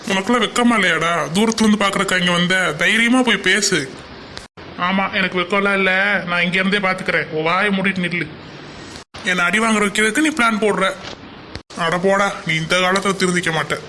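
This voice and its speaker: A man's voice: high-pitched, steady tone, brisk, bright, forceful tone, slight background noise. A man doing joshing cartoon college guys. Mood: ribbing. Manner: joshing, ribbing. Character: teasing young college guys, a pair of friends.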